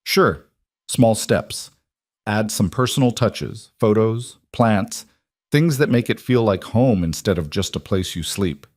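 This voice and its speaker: A man voicing a steady single dad who speaks calmly and reassuringly in a storybook narration. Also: lowish voice, slow, no room sound, clean studio sound.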